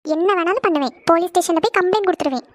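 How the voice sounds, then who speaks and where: A woman plays a defiant, sharp-tongued young woman in a cartoon, speaking. The voice is very high and fast, with a combative edge. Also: noisy background. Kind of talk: cartoon voice acting.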